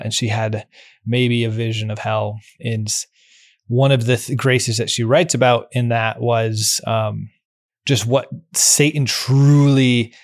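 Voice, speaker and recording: A man hosting a podcast, speaking in a measured way as he brings up something he read to frame a question. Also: mid-range voice, dry recording, clean studio sound. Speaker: podcast host. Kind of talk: interview conversation.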